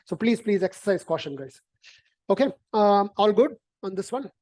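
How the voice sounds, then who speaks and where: A woman's voice: mid-range voice, expressive, normal speed, a little mellow. A woman teaching a math class, explaining in a conversational way, repeating words and often ending sentences with "right?". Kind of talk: online algebra lesson, explaining.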